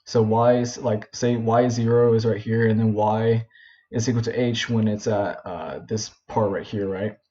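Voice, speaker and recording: Speaking in a fairly low, mellow, slightly dark voice with fairly even intonation, a young physics tutor talks through a whiteboard problem. His delivery is casual, packed with fillers and self-corrections, and it's captured in a dull, lo-fi home recording.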